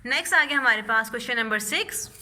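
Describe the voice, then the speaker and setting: A woman with a Pakistani accent teaching a primary English class online, slowly explaining each point in English and Urdu. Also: on the high side, lively intonation, pushed and bright. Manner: slow, explaining each word, switching between English and Urdu.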